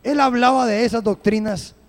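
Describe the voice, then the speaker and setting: A man preaching a fervent live sermon, who slows right down to read scripture with heavy emphasis. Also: very high voice.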